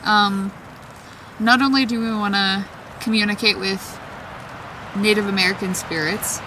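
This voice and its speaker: Woman, medium pitch, casual paranormal vlog, chatty and excitable, distant mic, noisy outdoor ambience. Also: unhurried. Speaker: paranormal investigator. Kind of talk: casual vlog, questioning spirits aloud. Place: outdoors in a forest at night.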